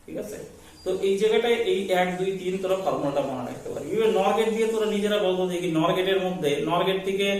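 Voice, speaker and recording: A man teaches a class, tossing questions at students and waiting for their answers. His voice sits a little high for a man. It comes from far off in a very echoey room with a faint hiss. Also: fast talker, a little mellow. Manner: quizzing students with call-and-response questions. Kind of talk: classroom lecture.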